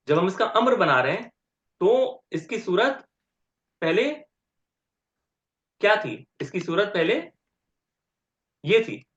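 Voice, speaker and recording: Slow, repeating grammar teacher in a roomy lo-fi recording. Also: male voice, high-pitched, a bit bright. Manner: explains step by step, often asks "ठीक है?"; repeats word forms slowly and deliberately. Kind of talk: online grammar lecture. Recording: roomy, dull lo-fi sound.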